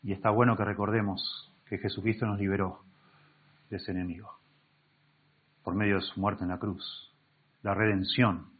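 Male pastor, expository sermon, husky voice, narrow phone-like sound, restarts words as he explains. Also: on the low side, little pitch movement, moderate pace, long pauses. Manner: reads scripture aloud and explains it, with many self-corrections. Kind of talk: Bible-teaching sermon. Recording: tinny phone-like recording.

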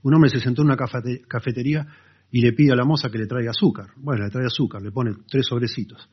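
A man with an Argentine accent preaching a sermon as a pastor, telling stories in a conversational way with lively asides to the congregation. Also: mid-range voice, fast talker, slightly rough. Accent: Argentine Spanish. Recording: dull lo-fi sermon recording.

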